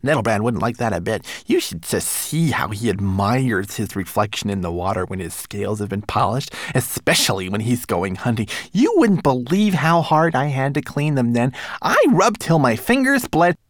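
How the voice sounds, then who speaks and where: A man's voice: mid-range voice, sing-song, moderate pace, hardly any pauses, dry recording, studio quality, voice pushed up, lightly acted. A man voicing a small, fussy male homunculus who speaks in a prim, precise way. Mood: insistent.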